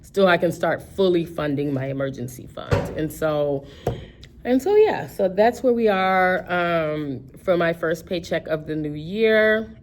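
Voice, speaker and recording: Woman, 50s, low voice, casual rambling vlogger, faint background noise. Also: animated, unhurried. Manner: rambling, self-correcting, many fillers. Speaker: personal finance vlogger. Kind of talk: casual budgeting chat.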